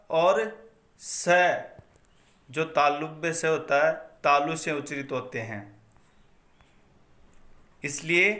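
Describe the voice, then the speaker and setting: A man gives a Sanskrit pronunciation lesson at a very slow, measured pace. His voice sits a little high and sounds bright and forceful. He chants the grammar rules and says each one twice. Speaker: Sanskrit teacher. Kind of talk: slow recited phonetics lesson.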